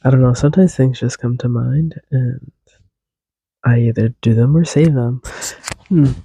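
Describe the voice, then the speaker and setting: Slightly slow, creaky, and mellow at medium pitch, this young solo podcast host sounds a bit congested. He rambles casually, drifts into tangents, and breaks into humming and singing tunes.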